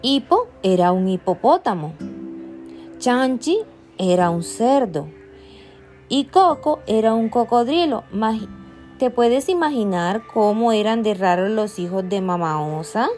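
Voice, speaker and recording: A woman reading a children's story aloud slowly and expressively, now and then correcting a slip. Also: fairly high pitch, soft background music. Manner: slow, expressive, with slips and self-corrections.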